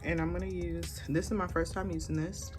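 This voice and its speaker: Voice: medium pitch, flat delivery, fairly quick, over loud music. A makeup tutorial host chatting casually, with a sassy, campy, playful manner. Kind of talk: casual chat while doing a makeup tutorial.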